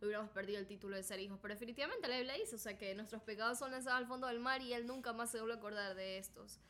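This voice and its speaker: A woman in a casual faith podcast chat, reading Bible verses slowly and reflecting on them with a teasing humor. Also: fairly high pitch, pushed and bright. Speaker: co-host.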